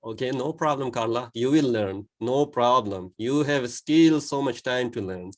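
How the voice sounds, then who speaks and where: A Pakistani man with a Pakistani accent chats casually on a video call from his home as co-host and guest. His voice is medium-pitched and a little slow, and he laughs often and hesitates with many uhs.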